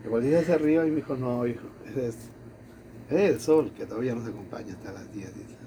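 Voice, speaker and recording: A Latin American man tells a personal story conversationally, his mid-range voice brisk, with a little hiss or hum. He animatedly acts out the dialogue he quotes.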